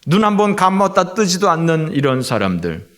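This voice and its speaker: A man's voice: a little high, very animated, a bit bright. Korean man preaching a sermon, many filler hesitations. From Seoul. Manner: frequent filler sounds and drawn-out hesitations. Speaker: pastor. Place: church sanctuary.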